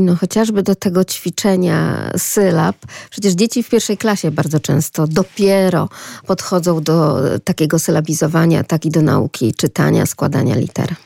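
Low gravelly-voiced woman interviewer. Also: warm tone, no echo, studio quality. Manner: engaged, asks admiring questions. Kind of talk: broadcast interview.

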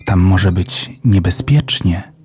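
A man's voice: deep voice, animated, slow pace, over music. A man voicing a chorus of fearful, fretful bluebell flowers in a children's storybook. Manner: fretful, warning.

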